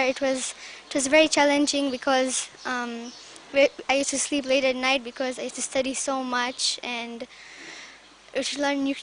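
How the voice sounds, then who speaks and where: High, flat-voiced woman answering an interview. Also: slight background noise. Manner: hesitant, repeats words. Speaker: spelling bee contestant.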